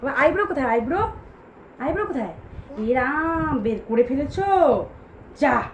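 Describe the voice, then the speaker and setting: A woman's voice: high-pitched, expressive, moderate pace. A woman, a mother in a home vlog, talking in coaxing, soothing baby talk to her little child. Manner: sing-song, coaxing and soothing, speaks to a crying baby. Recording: echoey room with loud background noise.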